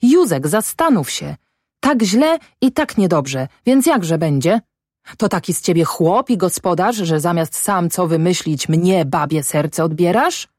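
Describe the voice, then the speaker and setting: A woman's voice: fairly low pitch, very animated, a little slow, a little mellow, no echo, studio quality. A woman voicing a furious, scolding peasant wife. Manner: scolding, voice rising in outrage. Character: angry, stubborn peasant farm wife. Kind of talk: audiobook character voice.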